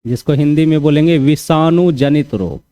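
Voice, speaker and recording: A man's voice: fairly high pitch, moderate pace, mellow, no room sound. A man teaching a class for exam preparation, talking casually and repeating key points with frequent check-ins to his students. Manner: repetitive, conversational teaching with frequent "theek hai" check-ins.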